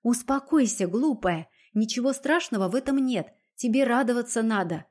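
A woman voicing a naive, childish young noblewoman in love, speaking in a higher, gushing, insistent way. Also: expressive, normal speed, darkish tone. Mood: soothing, insistent.

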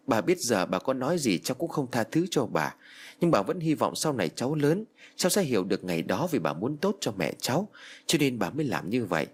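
A man's voice: mid-range voice, sing-song, a little fast, breathy edge. A man voicing a remorseful grandmother pleading with her ghost grandchild in a spoken ghost story. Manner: apologetic, pleading. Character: remorseful grandmother, begging forgiveness.

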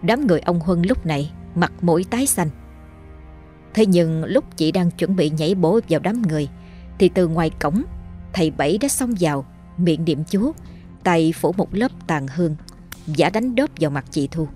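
A woman narrating a horror story in a steady, even storytelling voice. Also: fairly low pitch, normal speed. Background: faint music.

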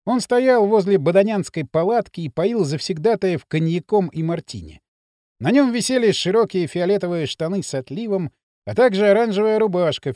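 A man narrating an audiobook with an expressive storytelling delivery. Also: high voice, dry recording, clean studio sound.

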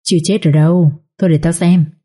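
A woman plays a sly young maid with a sharp, mocking tongue. The voice is low and mellow. She teases without mercy. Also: steady tone, fairly quick, close to an everyday voice.

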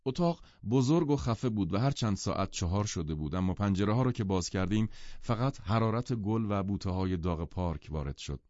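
A male audiobook narrator with a low, dark, mellow voice tells the story in a measured way. The recording is dry, with no room sound. It is also muffled and lo-fi. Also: lively intonation, no room sound. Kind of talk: scripted literary narration.

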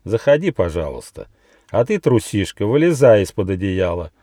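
A man's voice: lowish voice, big pitch swings, moderate pace, mellow, no echo, clean studio sound. A man voicing a kind but fussy little male gnome who lectures about good manners. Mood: cheerful, lecturing. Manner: orderly, lecturing.

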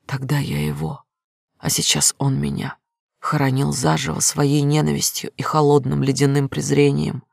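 Guy reading an audiobook, raspy low edge, dead dry sound, really intense. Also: moderate pace, no room sound. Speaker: audiobook reader. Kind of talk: dramatic audiobook narration.

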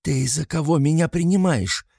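A man voicing a furious young woman who shouts at her partner in a storybook reading. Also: moderate pace, vocal fry, slightly rough, no room sound, studio quality. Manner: shrill, shouting.

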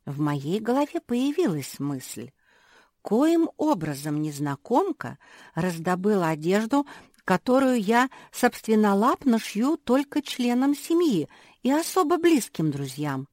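Woman reading a kids' story, slow and lively, dry close sound. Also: medium pitch, no room sound. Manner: animated first-person narration.

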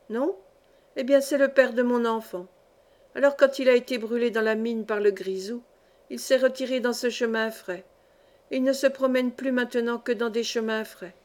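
A woman's voice: fairly high pitch, lightly acted. A woman voicing a grief-mad young widow. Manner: rapid, feverish, crying out curses. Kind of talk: audiobook reading.

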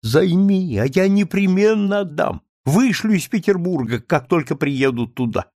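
A man's voice: sits high, lively intonation, a little slow, a little mellow, no room sound, studio quality, voice pushed up. A man reading an audiobook, voicing a desperate young man who pleads urgently with a trembling voice. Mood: pleading, urgent. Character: desperate, agitated young man begging a friend.

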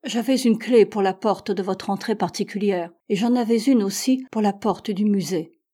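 A woman's voice: mid-range voice, normal speed, mellow, natural voice. A woman voicing an exhausted, contrite elderly male professor in a French audiobook reading, in a weary, pleading manner.

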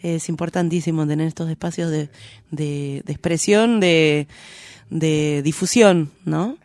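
Soft-spoken guest, dry sound. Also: female voice, low voice, a little slow, no echo. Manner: soft, hesitant, repeating words. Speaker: guest musician. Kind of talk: radio interview.

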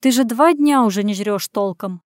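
A woman's voice: mid-range voice, moderate pace, dry recording, clean studio sound, lightly acted. A woman reading an audiobook, voicing a brash female friend who speaks bluntly and gives orders. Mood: bossy. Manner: bossy, blunt, commanding.

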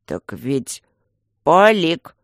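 A reader voicing a sly, gruff stone guardian who growls and coaxes by turns. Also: medium pitch, expressive, a little slow, no echo, clean studio sound. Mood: barking. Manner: growling, fussy, coaxing.

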